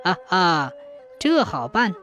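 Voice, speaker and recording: A calm, knowing male god speaks low and slow, voiced by a woman and dropped well beneath a storyteller's usual pitch. He lets a small chuckle sit in his words and never hurries, like a storybook deity with the upper hand. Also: highs cut off, soft background music, exaggerated voice. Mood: amused.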